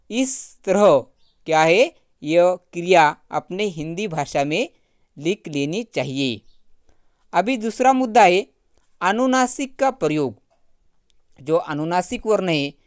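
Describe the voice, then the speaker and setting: A man's voice: high voice, clean tone, no room sound, clean studio sound. A man teaching a Hindi grammar lesson, reading word lists aloud and repeating each point for students.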